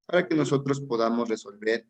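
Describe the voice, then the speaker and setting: A man's voice: mid-range voice, a little fast, vocal fry, heavy background noise. A male teacher with an Ecuadorian accent leads an exam-prep class. He works through each answer step by step and keeps checking in with rhetorical questions. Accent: Ecuadorian Spanish.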